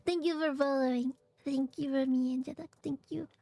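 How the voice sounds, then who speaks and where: A woman streamer chatting casually and haltingly, her voice phlegmy and rattly in the chest, congested from allergies. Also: sits high, steady tone, dark tone, no room sound. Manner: halting, hesitant, trailing phrases. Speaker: vtuber streamer. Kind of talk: casual livestream chat.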